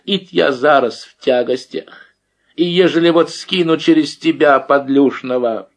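A man's voice: a little high, unhurried, voice pushed up. A man voicing an angry, shrieking young peasant woman in an audiobook. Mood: furious. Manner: shrieking, wailing.

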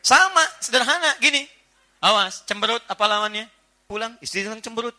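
A man giving a lively sermon as a preacher, joking and acting out small household scenes. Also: very high voice, brisk. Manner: animated, jokey, acts out little household scenes. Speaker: Islamic preacher. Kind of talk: lively sermon to a live audience.

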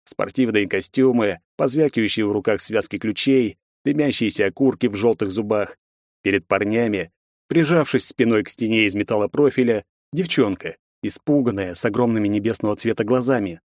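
A man narrating a first-person audiobook in an expressive, gritty storytelling manner. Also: lowish voice, fairly quick, dry recording, clean studio sound.

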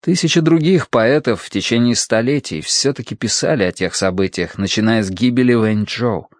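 A male audiobook narrator reads a historical novel in a measured, steady storytelling voice of middle pitch. The recording is dry and close, with no room sound. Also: dry recording. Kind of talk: scripted narration.

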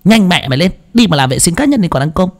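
Man doing a shrill scolding village aunt. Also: sing-song, a bit bright, full character voice. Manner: scolding, nagging, rapid-fire. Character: shrill sharp-tongued village aunt, middle-aged woman.

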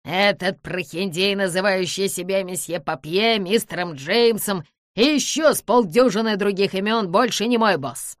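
A woman's voice: mid-range voice, moderate pace, no room sound, clean studio sound, natural voice. Woman voicing a gloating vengeful little old man. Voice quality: shouting, gloating.

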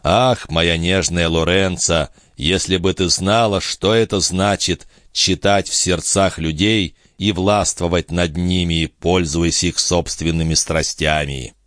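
A man voicing a calm, proud, ambitious man. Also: low-pitched, no echo, studio quality. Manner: measured, soothing. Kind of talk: audiobook reading.

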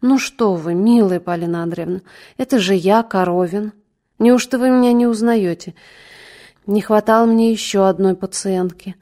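A woman's voice: medium pitch, normal speed, dark tone, lightly acted. A woman voicing a brusque middle-aged male doctor who scolds sternly and fusses over a patient in a fatherly way. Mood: soothing. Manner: stern then fussing, fatherly.

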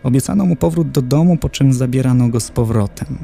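A man's voice: mid-range voice, fairly quick, creaky, warm tone, soft background music. A man playing a formal, clinical dignitary of hell who lists tortures in a horror audiobook.

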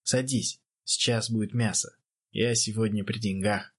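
A man voicing a big, easygoing young male boxer who talks in a loud, bluff way, in an audiobook. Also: fairly low pitch, fairly even intonation, a little slow, breathy edge.

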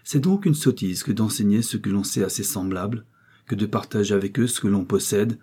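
A man's voice: on the low side, fairly quick, warm tone, slightly rough. A man voicing a proud, determined young widowed lacemaker in a French audiobook reading, speaking firmly and with dignity. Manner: firm and dignified.

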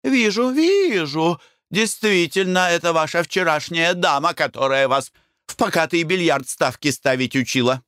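A man's voice: a little high, lively intonation, normal speed, fairly bright tone, no room sound, studio quality, pitched above the performer's own voice. A man voicing a prim merchant's wife who scolds the others in a proper, reproachful way.

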